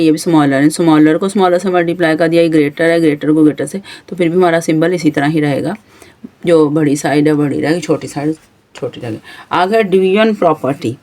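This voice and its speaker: A woman's voice: sits low, darkish tone. A woman with a Pakistani Urdu accent teaching a math lesson, patiently explaining each step and pointing at the board as she goes. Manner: patient, stepwise explanation with frequent pointing words.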